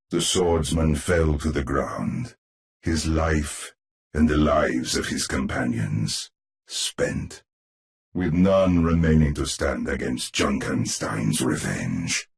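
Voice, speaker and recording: A male actor with a deep voice and vocal fry plays a grave, ominous storyteller narrating a gothic horror tale for a video game. His delivery is solemn, theatrical, and heavily acted, in a mournful, solemn mood.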